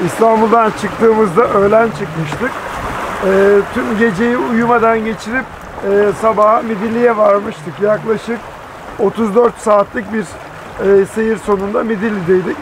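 Man in his fifties, high voice, measured explanatory manner, wind and wave noise on deck. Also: steady tone. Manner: measured, explanatory, with frequent filler pauses. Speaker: sailor explaining the voyage. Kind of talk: casual explanation to camera. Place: on a sailboat deck at sea, outdoors.

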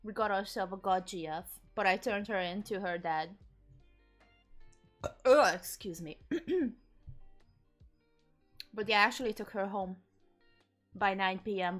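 Chatty young woman streamer, faint music. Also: mid-range voice. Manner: chatty, reading and answering chat, giggly. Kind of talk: casual chat while eating on stream. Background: faint background music.

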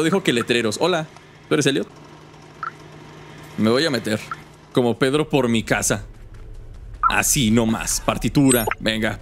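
A man's voice: medium pitch, a little hiss or hum. A young man giving casual, joking gameplay commentary full of slang. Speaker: gaming youtuber.

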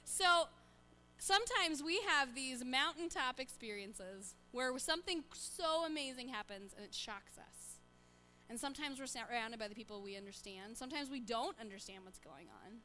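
A bright, forward woman with a slightly high voice gives a children's sermon in a church. She keeps the children involved with quick questions and playful prompts. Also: a little hiss or hum. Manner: lively, coaxing children with questions. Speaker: church children's message leader. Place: church sanctuary.

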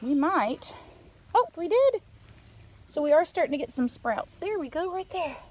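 A middle-aged homesteader films a farm update on a handheld phone, talking from behind the camera in a very high, sing-song voice at normal speed. She rambles chattily and unscripted while showing off the coops and pens. The outdoor phone recording is noisy, full of farm ambience and animal sounds.

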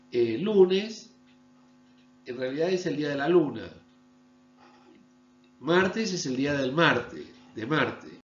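A man from Argentina, giving a recorded online university lecture and often checking understanding with a quick "¿sí?". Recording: echoey room, dull low-fi sound with mains hum.

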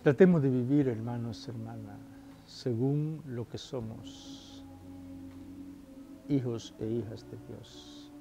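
A man's voice: medium pitch, sing-song, takes it slowly, music in the background. A man, a friar, preaching a sermon and calling listeners brothers and sisters, with emphatic rises and drops.

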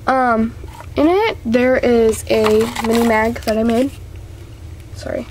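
Slightly high with a darkish tone, this young woman's voice carries a casual, wandering show-and-tell around her small carpeted room at home. She giggles, apologizes and makes light of herself, recorded noisily on a handheld camera's built-in mic.

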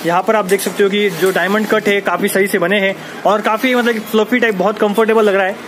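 A man's voice: high-pitched, fairly even intonation, fairly quick. A young man guiding viewers through a workshop in casual tour narration, upbeat and talking straight to the audience. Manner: upbeat, addresses viewers directly. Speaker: vlogger touring a workshop. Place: busy car seat cover workshop, indoors. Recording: loud background noise in a workshop.

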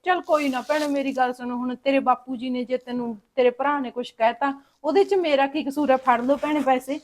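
A woman with a Punjabi accent, acting in a family short film, coaxing and pleading to smooth things over. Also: high voice, steady tone, fairly quick, slight background noise. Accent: Punjabi (Malwa). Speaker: actor playing a sister-in-law.

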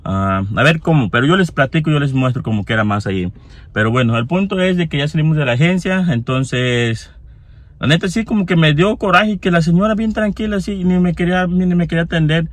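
A man with a Mexican Spanish accent vlogging casually on his phone, telling a story in an animated way and acting out both sides of an argument. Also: a little high, a little fast, no room sound. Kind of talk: casual vlog chat.

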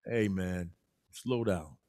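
A man voicing an easygoing, laid-back man who talks calmly and slowly. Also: low voice, dry recording, pitched below the performer's own voice. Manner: calm, slow.

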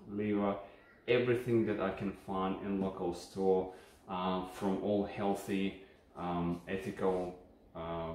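In his home kitchen, a Ukrainian-accented channel host with a low, slightly mellow voice reviews a kitchen appliance off the cuff. He explains things in a friendly manner, stopping to hesitate often. The footage comes from a phone camera placed at a distance, and the kitchen carries an echo and a faint hum.

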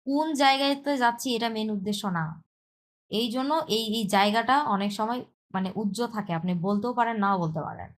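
A woman's voice: a little high, a little hiss or hum. Woman teaching Chinese in Bengali. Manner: explains step by step, repeats herself, checks with "হ্যাঁ". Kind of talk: online language lesson.

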